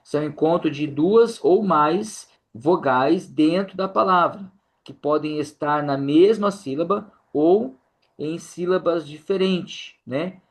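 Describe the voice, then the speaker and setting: Brazilian male teacher, slightly high voice, patient step-by-step explainer who keeps checking in with the class. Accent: Brazilian Portuguese. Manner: unhurried, explains step by step, often ends phrases with a checking tag. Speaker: Portuguese grammar teacher. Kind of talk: church course lesson.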